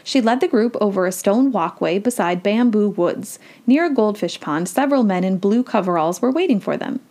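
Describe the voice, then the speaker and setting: A woman's voice: mid-range voice, animated, moderate pace, a little mellow. A woman reading a children's storybook aloud, with chatty, playful asides. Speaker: children's book reader.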